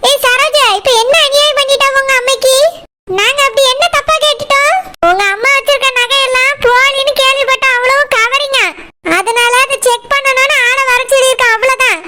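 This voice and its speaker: Squeaky high stern auntie type, woman doing it, firm scolding, loud noise behind. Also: level tone, a little fast.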